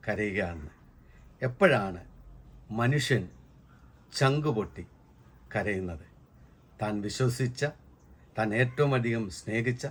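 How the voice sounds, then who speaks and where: Earnest low-voiced Malayali man preaching. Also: a little hiss or hum. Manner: earnest, with a rising start and falling close on each phrase. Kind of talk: short devotional sermon.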